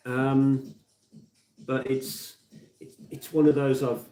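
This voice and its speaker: A Brummie man in his fifties from Birmingham, England, presents live community radio, chatting casually and rambling between songs with plenty of fillers and restarts. His medium-pitched voice is warm but flat and slow. The studio is echoey, the mic sits at a distance, and music plays in the background.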